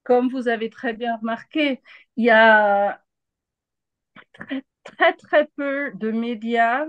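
This interviewed journalist, a woman who grew up in Argentina, analyzes events live in a slow, smooth, fairly high voice. The recording is dry and close, with highs cut off, and she hesitates while searching for words, doubling them to stress a point.

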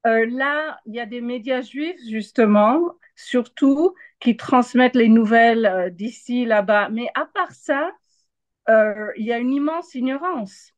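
A native-speaking Argentine woman, interviewed as a journalist, offers live analysis in a dry, close-miked recording. Her fairly high voice moves at a measured pace, and she hesitates while searching for words, doubling them for emphasis.

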